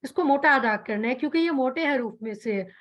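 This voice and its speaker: A woman's voice: sits high, expressive, a little fast, a bit bright. A woman teaching Quran recitation, patiently explaining letter sounds and stretching out each example sound. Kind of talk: tajweed pronunciation lesson.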